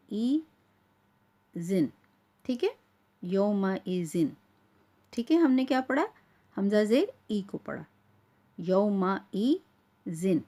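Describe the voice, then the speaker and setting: A woman teaching Quran reading step by step. She is patient and often checks in with the learner, slowing down to spell out each sound. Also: mid-range voice, dark tone. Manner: patient, repeats checks like "theek hai" and slows to spell out sounds. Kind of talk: step-by-step lesson.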